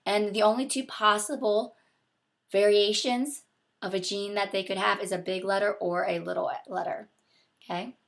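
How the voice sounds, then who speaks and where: A woman's voice: medium pitch, steady tone, normal speed, creaky. Young woman teaching with a sore throat. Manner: patient, step-by-step explaining. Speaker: biology teacher. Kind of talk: explanatory video lesson. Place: small home room with a window, indoors.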